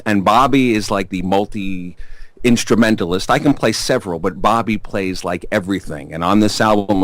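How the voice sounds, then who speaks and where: Rambling New York musician, lowish voice, dry close sound. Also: male voice, no echo. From Staten Island, New York. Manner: rambling, chatty, many "uh" pauses and restarts. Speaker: musician guest. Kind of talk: casual interview storytelling.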